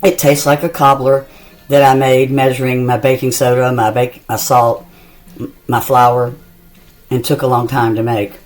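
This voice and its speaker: A woman's voice: a bass voice, little pitch movement, normal speed. A middle-aged woman chatting homely through a cooking demonstration in her home kitchen, tasting as she goes. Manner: chatty and homey, talks while tasting. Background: soft music and kitchen clatter.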